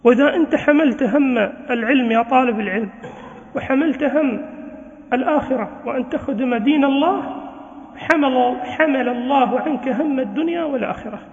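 A man's voice: very high voice, a little fast, a little mellow. A man preaching an earnest sermon to students, exhorting them and asking rhetorical questions. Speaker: Islamic preacher. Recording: dull lo-fi sound with long reverb.

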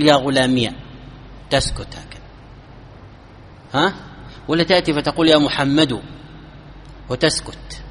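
A man giving a classical Arabic grammar lesson, explaining step by step, asking his students questions and drawing out each example phrase slowly. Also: high-pitched, bright, forceful tone, in a large hall, slight background noise. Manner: slows down and drawls out example phrases.

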